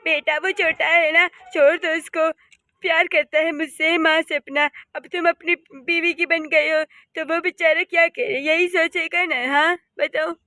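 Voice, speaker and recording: A woman voicing a sharp-tongued old village mother-in-law who scolds and complains in a cartoon story. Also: extremely high pitch, level tone, a little slow, no echo, clean studio sound, full character voice. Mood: complaining. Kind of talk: cartoon voice acting.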